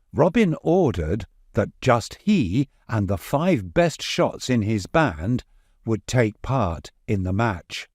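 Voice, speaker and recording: Reading a children's bedtime story, a man with a medium-pitched voice goes at an unhurried pace and uses wide swings of intonation to make the tale expressive. The recording is dry, with hardly any sense of room.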